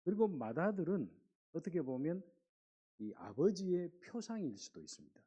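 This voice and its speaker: In a slightly high, husky voice at normal speed, a male pastor gives a lively sermon, reading passages of scripture and asking the congregation questions. The sound is lo-fi.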